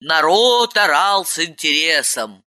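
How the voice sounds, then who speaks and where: A woman narrating a story in an expressive, dramatic reading. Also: sits low, slow. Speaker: audiobook narrator. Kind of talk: scripted narration.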